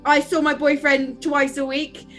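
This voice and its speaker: A woman's voice: sits high, unhurried, soft background music, rough recording. A woman co-hosting a gaming podcast, chatting casually, swearing and laughing. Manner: lively, swears, laughs, mimics game characters. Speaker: podcast co-host.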